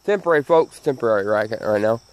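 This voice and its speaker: In a rough recording, a Southern US channel host rants his opinions to camera with a mid-range, expressive voice and a fast pace. He's folksy and emphatic, repeating his lines. Missing front teeth slightly blur his sibilants.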